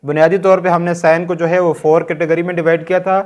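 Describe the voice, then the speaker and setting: A man's voice: fairly high pitch, flat delivery, fast, darkish tone. A man with a Pakistani Urdu accent teaching Quran reading in a recorded lesson, patiently drilling short sounds one by one and checking that learners follow.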